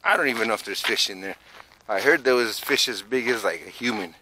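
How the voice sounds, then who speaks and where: A man's voice: on the low side, a little fast, noisy background. A man casually narrating his own exploring vlog outdoors, rambling and unsure of himself. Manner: rambling, unsure, chuckling asides. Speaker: vlogger exploring abandoned places. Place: outdoors in rural countryside.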